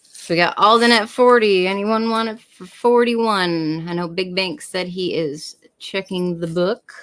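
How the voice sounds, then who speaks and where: Woman host for a home-run live sale, unhurried, friendly with bidders. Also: fairly low pitch, steady tone, a bit bright. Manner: friendly, calls out bidders by name. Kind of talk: live auction selling.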